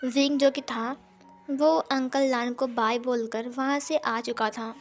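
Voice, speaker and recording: A woman narrating a fan-fiction story in a lively, conversational way. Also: on the high side, slow pace.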